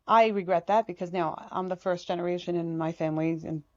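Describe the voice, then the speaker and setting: A woman, an artist from the United States, talks on a podcast. Her voice sits a little low and she speaks with emphatic, animated energy, acting out what others have said to her. The sound is dry and slightly muffled. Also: brisk, no room sound. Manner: animated, emphatic, acts out quoted remarks. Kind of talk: conversational interview.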